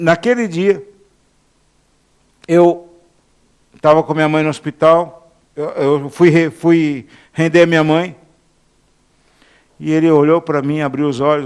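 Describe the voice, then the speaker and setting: A man's voice: on the high side, smooth. Emotional preacher man. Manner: emotional, swings between quiet and exclaiming. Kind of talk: sermon teaching with personal stories.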